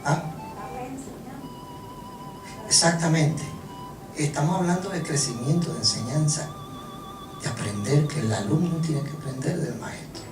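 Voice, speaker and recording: Lively preacher, halting restarts and jokes, far from the mic in a roomy hall with music underneath. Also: mid-range voice. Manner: animated, joking, halting restarts. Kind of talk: sermon. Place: church hall. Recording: echoey room from far off, music behind.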